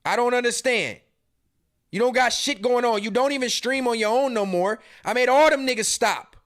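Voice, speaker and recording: A podcast host in his thirties reacts to a stream clip with heated, profane commentary, mocking and confronting the people in it. His voice is very high-pitched and a bit bright, at a moderate pace.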